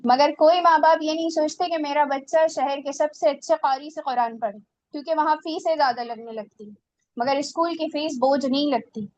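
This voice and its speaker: A woman's voice: high voice, moderate pace, lo-fi sound. A woman teaching a religious class on Quran recitation, earnest and exhorting her students.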